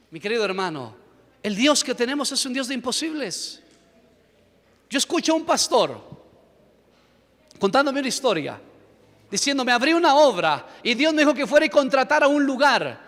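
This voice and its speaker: Fervent high-voiced Ecuadorian preacher. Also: male voice. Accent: Ecuadorian Spanish. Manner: fervent, dramatic storytelling with rising shouts. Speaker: pastor. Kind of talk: sermon. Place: church hall. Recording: echoey church hall.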